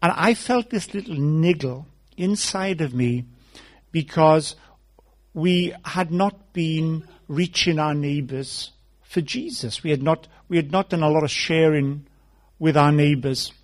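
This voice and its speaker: Welsh guy preaching, kinda high voice for a man, chatty and joking, telling stories to the church. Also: unhurried. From South Wales. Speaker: guest preacher. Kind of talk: conversational sermon.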